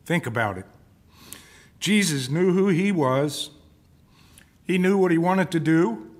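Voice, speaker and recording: Conversational male preacher, slightly high voice. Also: lively intonation, slow pace. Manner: conversational, asks the congregation questions. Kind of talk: sermon.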